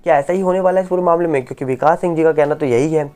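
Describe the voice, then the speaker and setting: Fast-talking low-voiced woman news commentator. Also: darkish tone. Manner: rhetorical questions, repetitive emphatic phrasing. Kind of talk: rapid spoken news commentary.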